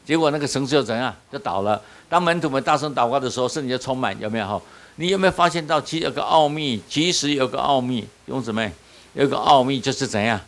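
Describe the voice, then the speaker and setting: Speaking fast with a medium, somewhat bright voice, a man delivers a sermon at a small-group leader training. He keeps asking the audience questions and answering them himself, often tacking on "you know?" with a repeated "你知道吗."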